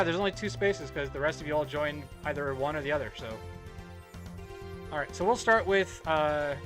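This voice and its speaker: A man acting as game master, narrating a tabletop game casually and improvising in a hesitant way. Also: on the high side.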